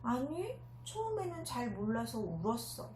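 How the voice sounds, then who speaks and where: A sulky young schoolgirl, frustrated and eager not to lose, put on by a woman in a high, whiny child's voice. She speaks slowly and draws out her words. The voice rings a little in an echoey room. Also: sing-song, a little mellow, a little hiss or hum.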